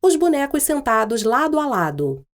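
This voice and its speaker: A woman's voice: high voice, sing-song, moderate pace. A woman reading scripted audio description as narration for a children's show.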